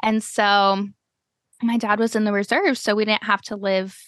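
A woman's voice: medium pitch, level tone, normal speed, fairly bright tone, no echo, clean studio sound. A woman from Cleveland, Ohio, hosting a podcast in a casual chat, friendly and full of "you know" fillers. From Cleveland, Ohio, USA. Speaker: podcast host.

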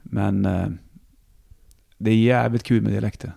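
Gravelly low-voiced man with Hälsingland accent. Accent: Hälsingland Swedish. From Sweden, Hälsingland. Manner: relaxed, rambling, swears casually. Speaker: musician and radio host, guest. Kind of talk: casual conversation.

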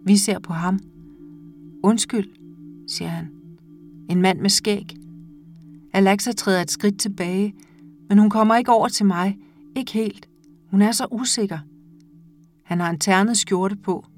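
A woman hosting a podcast, reading a literary story aloud in a calm, measured, intimate way and then reflecting on it. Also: medium pitch. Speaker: podcast host reading fiction.

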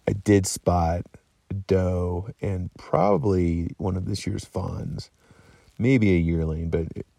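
A man's voice: low-pitched, no room sound. A tired man talking casually on a hunting vlog at his mountain camp at night, with many ums and yawns. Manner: relaxed, rambling, many ums and restarts. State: tired, yawning. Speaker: hunter vlogger.

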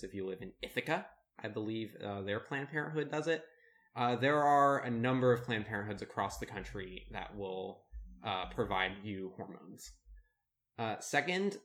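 Male podcast co-host, lower register, loose conversational delivery, frequent fillers. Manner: relaxed, many fillers and restarts. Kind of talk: casual advice chat.

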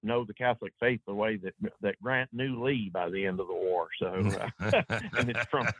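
A man from East Tennessee with an Appalachian accent, talking casually as an interview guest in a folksy, unhurried storytelling way. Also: lowish voice, fairly bright tone, no echo, low-quality recording. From East Tennessee, USA. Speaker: guest author.

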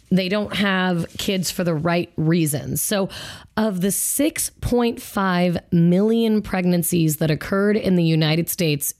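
Blunt, laughing woman, slightly low voice. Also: darkish tone. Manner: blunt, swears casually, laughs often. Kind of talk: casual chat.

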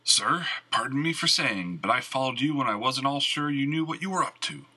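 A man voicing a gruff, loyal older squire with blunt country speech, in an audiobook. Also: mid-range voice, lively intonation, fairly quick, bright, forceful tone, voice pushed up, exaggerated voice, poor audio. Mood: earnest. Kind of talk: audiobook character reading.

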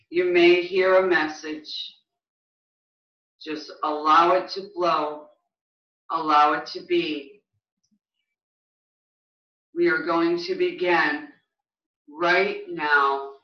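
Super slow soothing meditation guide voice, long pauses, kinda muffled and far from the mic. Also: mid-range voice, steady tone. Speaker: spiritual guide leading a guided angel meditation. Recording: echoey, distant, slightly muffled recording.

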